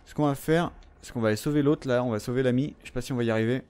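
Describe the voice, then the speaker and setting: A man's voice: mid-range voice, racing, a little mellow, clear, resonant tone. A young man giving casual gameplay commentary, rambling with lots of fillers and frequent swearing. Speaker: gamer.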